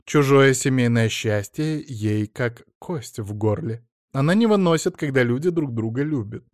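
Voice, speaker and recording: A man's voice: medium pitch, animated, normal speed, darkish tone, no room sound, studio quality, lightly acted. A man reading an audiobook, voicing a bitter middle-aged woman who speaks with contempt. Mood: contemptuous. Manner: contemptuous, biting.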